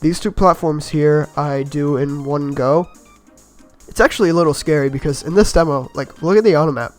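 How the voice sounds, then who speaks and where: At a normal pace, a man with a fairly high voice, slightly raspy because he's ill, offers relaxed, rambling voice-over on his game run. He laughs at himself over his errors, and soft game music sits in the background.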